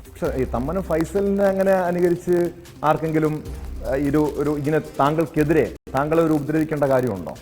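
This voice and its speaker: A man's voice: a little high, brisk, darkish tone. A man presenting TV news and questioning a guest in a formal, probing way. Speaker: news anchor.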